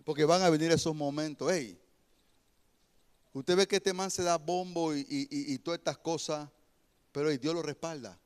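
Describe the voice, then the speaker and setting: A male pastor preaching a sermon, building to shouted lines and then dropping to a quieter, joking tone. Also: a little high, steady tone, normal speed, long pauses, clean tone.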